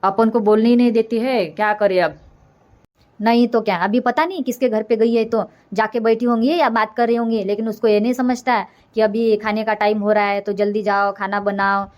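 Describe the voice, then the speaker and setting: Woman playing a nagging older mother-in-law, cartoon comedy, complaining, rambling, fairly high voice. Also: steady tone, moderate pace, darkish tone, close to an everyday voice. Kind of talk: comic cartoon voice acting.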